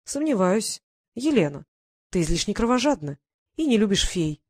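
A woman voicing a calm, scheming male clockmaker lord with a dry, mocking way of talking. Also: medium pitch, normal speed, no echo. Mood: cool, ironic.

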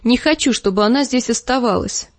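A shrill, high-pitched noblewoman, as a woman reader puts her on, screeching her jealousy through tears. Her voice sits high and sounds dry and close, with no room around it. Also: brisk, no echo, close to an everyday voice. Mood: shrill hysterical.

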